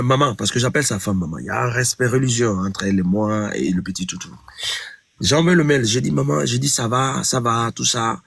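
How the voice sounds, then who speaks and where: Husky man telling his story. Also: mid-range voice, a bit bright, no room sound. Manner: retells conversations, repeating "j'ai dit", emphatic. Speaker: singer recounting a song dispute. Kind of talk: interview storytelling.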